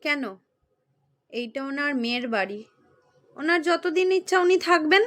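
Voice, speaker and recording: An actress playing a defensive young wife who is brisk with her husband and fond of her brother. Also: high-pitched, expressive, fairly bright tone.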